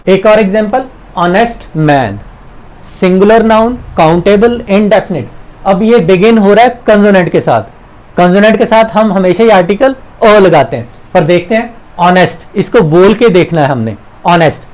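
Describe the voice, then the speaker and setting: A man's voice: sits high, darkish tone, rough recording. A man teaching English grammar, patiently walking through examples and quizzing the viewer. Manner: patient, repeats examples and asks questions. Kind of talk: explanatory lesson.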